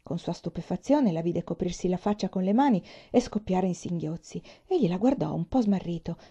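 A woman reading a novel aloud in a measured, calm narrating voice. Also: fairly low pitch, breathy edge. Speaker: audiobook reader. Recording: dull lo-fi recording.

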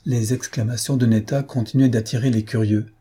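Man, audiobook narration, husky, dark mellow tone. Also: medium pitch, fairly even intonation, a little fast. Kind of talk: scripted narration.

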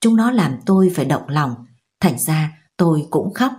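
Woman reading a novel out loud, low mellow voice, steady and even. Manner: steady, measured storytelling. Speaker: audiobook reader. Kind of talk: audiobook narration of a novel.

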